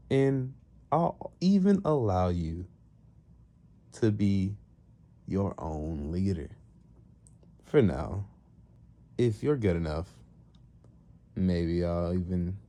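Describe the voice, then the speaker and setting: A man voicing a calm, scheming older male villain mastermind, speaking slowly and smugly. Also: low voice, full character voice. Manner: slow, measured, smug.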